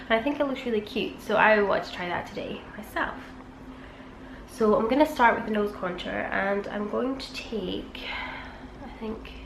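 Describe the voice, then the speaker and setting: A beauty vlogger with a cold sounds nasal and bunged-up as she casually talks through applying her makeup at home. Her voice sits at a medium pitch with a gravelly texture. The echoey room beside a busy street lets in steady traffic noise.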